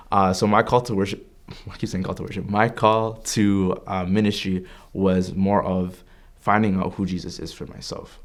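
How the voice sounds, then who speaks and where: A man from Canada in his early twenties, studying religious studies, speaks in a low voice while giving an earnest, reflective personal testimony with frequent fillers and restarts.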